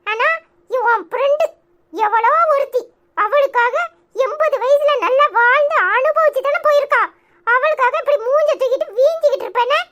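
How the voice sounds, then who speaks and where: Woman voicing a shrill, scolding cartoon grandson. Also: a bit bright, slight background noise. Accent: Tirunelveli Tamil. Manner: nagging, mocking questions. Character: young grandson, scolding and sarcastic. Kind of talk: cartoon voice acting.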